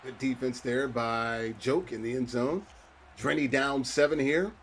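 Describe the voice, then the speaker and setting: Faint noise sits behind this middle-aged man's commentary on a football video game tournament. His mid-range voice moves a little slowly, then jumps up excitedly whenever a big play happens.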